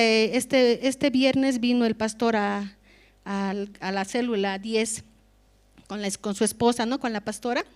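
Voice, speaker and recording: A woman's voice: on the high side, clean tone. A woman with a Bolivian Spanish accent giving an earnest, conversational testimony in church, often adding tag questions. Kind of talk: spontaneous spoken testimony in church.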